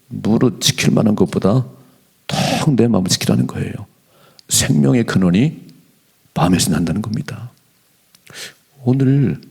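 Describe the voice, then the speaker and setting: A middle-aged male pastor giving an animated dawn prayer sermon in a church, slowing down whenever he reads scripture aloud. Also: fairly low pitch, vocal fry, slightly rough. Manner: animated preaching, slows to read scripture aloud. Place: church sanctuary.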